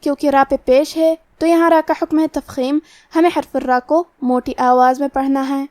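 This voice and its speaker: A woman teaching Quran recitation rules, explaining each letter step by step in a methodical, measured way. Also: high voice, level tone, darkish tone, dry recording. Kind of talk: tajweed lesson, explaining rules then reciting slowly.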